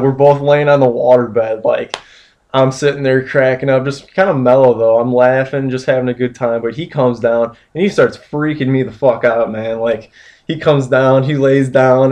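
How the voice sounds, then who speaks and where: A young man with a medium-pitched voice tells a story in a loose, rambling way. He fills his sentences with "you know" and "like" as he goes. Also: a little mellow. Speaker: vlogger. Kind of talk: casual storytelling.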